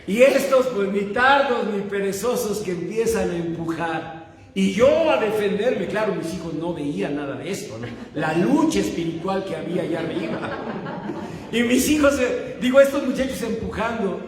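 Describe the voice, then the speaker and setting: A middle-aged Mexican pastor with a fairly high voice spins a comic, self-deprecating story from the pulpit. His voice rings through a large hall and trails off in long reverb. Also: normal speed. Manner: animated, self-mocking storyteller. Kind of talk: humorous sermon storytelling.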